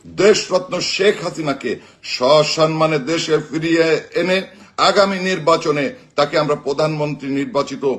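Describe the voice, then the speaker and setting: A Bangladeshi man giving a rousing political speech. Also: fairly high pitch. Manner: emphatic, declamatory, slogan-chanting delivery in short measured phrases. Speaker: political party activist addressing supporters. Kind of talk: rousing political speech, live broadcast address.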